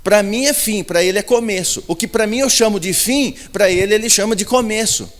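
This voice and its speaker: A man's voice: sits high, fairly quick. A man with a Brazilian Portuguese accent preaching a sermon, repeating his points with emphasis and asking rhetorical questions. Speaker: pastor. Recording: long hall reverb.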